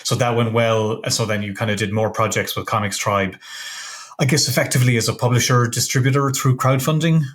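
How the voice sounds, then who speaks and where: An Irish man hosts a casual interview with a fellow comics artist. His voice sits in a middle pitch, and his phrasing is halting and full of restarts as he works through his thoughts out loud.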